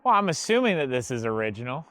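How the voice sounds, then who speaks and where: A man's voice: medium pitch, sing-song, quick pace, fairly bright tone. A man out of breath, walking outdoors among ruins and pointing out details with a puzzled tone. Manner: puzzled, observant. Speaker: vlog co-host. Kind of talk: casual walking commentary.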